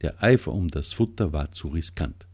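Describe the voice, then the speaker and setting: A man narrating a children's storybook in a calm, gentle way. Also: extremely low pitch, moderate pace, husky.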